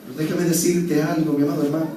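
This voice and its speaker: Male pastor preaching hard then going soft, kinda high voice, big echoey church from far off. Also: level tone, quick pace, a little hiss or hum. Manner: impassioned preaching, swinging from loud urgent calls to soft tender passages. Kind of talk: sermon. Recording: very echoey church hall, heard from a distance.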